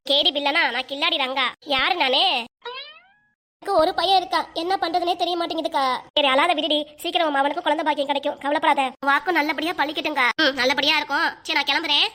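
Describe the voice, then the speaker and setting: A woman with a Kanyakumari Tamil accent voices every neighbour in a village comedy cartoon. Her voice sits high and the lines come out fast, in quick, bickering gossip. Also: pushed and bright.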